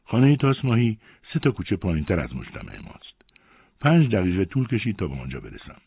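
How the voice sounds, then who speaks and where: A man narrating a first-person story aloud with an expressive storytelling delivery. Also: sits low, vocal fry, a little hiss or hum. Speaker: audiobook narrator. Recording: dry, phone-like narrow sound.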